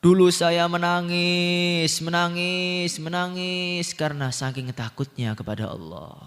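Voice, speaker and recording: Guy preacher doing a crying stone, tearful pleading voice, kinda high, big reverby hall. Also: sharp tone, exaggerated voice. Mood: grateful. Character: weeping stone speaking to a prophet, fearful.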